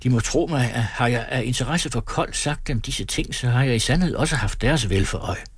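A man reading the part of a gruff but well-meaning older gentleman in a storybook, speaking earnestly and persuasively. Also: medium pitch, no room sound, studio quality.

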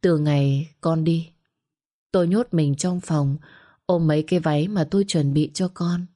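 A woman with a low, dark, mellow voice tells a grieving first-person story. Her delivery is heavy with sorrow and drama, the steady pull of a serialized audio tale. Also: moderate pace.

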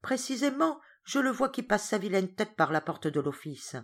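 A woman's voice: on the low side, sing-song, moderate pace, slightly rough. A woman voicing an angry, spoiled schoolboy who speaks indignantly, in a storybook reading. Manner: shouts indignantly.

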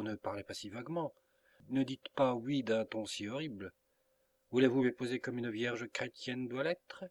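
A man's voice: mid-range voice, no room sound, natural voice. A man reading the lines of an earnest young woman in love, in a pleading, emotional audiobook reading.

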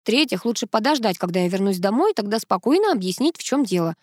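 A woman reading the part of a self-assured businesswoman and mother in an audiobook, with a brisk, matter-of-fact delivery. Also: medium pitch, very animated, darkish tone, no room sound, studio quality. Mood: scolding.

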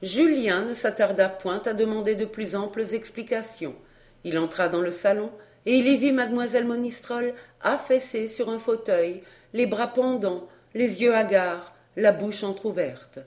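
A woman narrating a novel in a steady, measured way. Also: medium pitch. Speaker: audiobook narrator.

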